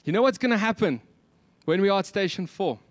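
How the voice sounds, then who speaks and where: High-pitched South African Afrikaans preacher, a man. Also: animated, brisk, dry recording. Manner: emphatic rhetorical questioning and repetition. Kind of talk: sermon.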